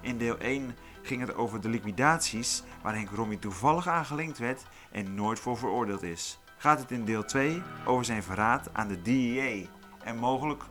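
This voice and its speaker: Guy narrating a true crime podcast, calm and measured, mid pitch. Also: faint music behind. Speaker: podcast host.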